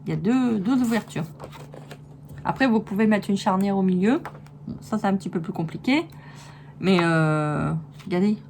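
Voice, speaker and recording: A woman's voice: medium pitch, expressive, moderate pace, pauses often, a little mellow, slight background noise. A woman chatting enthusiastically in a casual crafts haul video, with many fillers and restarts. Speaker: crafts vlogger.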